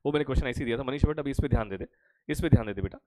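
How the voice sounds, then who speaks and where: A man is teaching online, and his voice sits at an ordinary middle pitch. He has a cough and speaks slowly on purpose to get through it. He asks a question and then answers it, repeats each point several times, and talks to his students like a fatherly teacher. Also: dark tone. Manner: calls students "beta" in a fatherly way. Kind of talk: online lecture.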